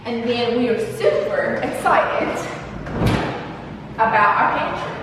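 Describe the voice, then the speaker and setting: A woman's voice: fairly high pitch, slow pace, recorded from a distance, noisy background. A woman hosting a casual tour of an empty apartment, chatty and upbeat with many fillers, her voice echoing around the bare rooms. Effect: big hall echo of an empty room. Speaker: vlog host. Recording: echoey empty room, voice from off-mic.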